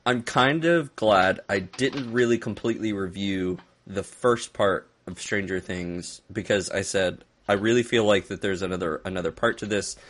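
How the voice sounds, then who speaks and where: A man's voice: lowish voice, moderate pace, few pauses, fairly bright tone. A man co-hosting a casual movie news chat who rambles, hedges and laughs a lot. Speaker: podcast co-host.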